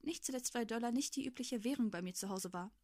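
A woman reading a first-person story aloud, expressive in her delivery. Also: fairly high pitch, fast, no echo, clean studio sound.

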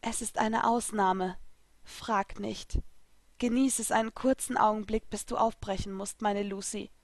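Hushed, tender mother figure, read by a woman, proud and loving, storybook style, quiet. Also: mid-range voice, flat delivery, moderate pace, no echo, lightly acted. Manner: soft and hushed.

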